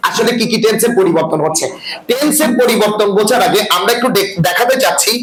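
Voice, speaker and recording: A man's voice: high voice, fast, a crowd in the background. A man teaching an English class, lecturing and often asking students whether they follow. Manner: asks the class frequent check-in questions. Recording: echoey room with class noise.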